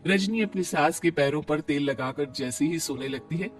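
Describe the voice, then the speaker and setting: A man narrating a cartoon story in a measured storytelling manner. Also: on the high side, soft background music.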